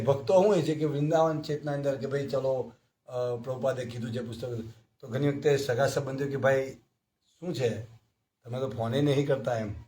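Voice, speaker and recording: A man's voice: on the high side, darkish tone. A man giving a devotional scripture class, telling stories and asking his listeners frequent rhetorical questions.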